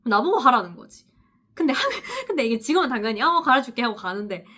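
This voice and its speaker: A woman's voice: a little high, big pitch swings, quick pace, a bit bright, slightly rough. A woman chats to the camera in a casual vlog about her work as a nurse. She tells long stories, laughs often and acts out the people she quotes. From Busan, South Korea. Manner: chatty storytelling, laughing often, acting out quotes. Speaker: nurse vlogger. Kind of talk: casual talking-head vlog.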